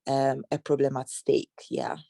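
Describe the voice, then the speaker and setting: A woman from Ghana who works in anti-trafficking outreach, answering interview questions in a measured, hesitant way with many fillers, on a video call. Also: a bass voice, fairly even intonation, creaky, warm tone, dry recording.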